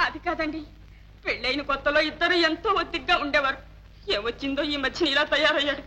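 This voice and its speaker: An actress playing a meek, devoted older wife who answers her husband softly and dutifully. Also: sits high, quick pace, rough recording. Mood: pleading. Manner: soft, pleading, dutiful. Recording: film soundtrack with clear background music.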